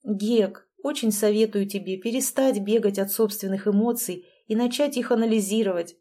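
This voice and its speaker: A woman's voice: mid-range voice, normal speed, dark tone, lightly acted. A woman reading a blunt, probing woman friend.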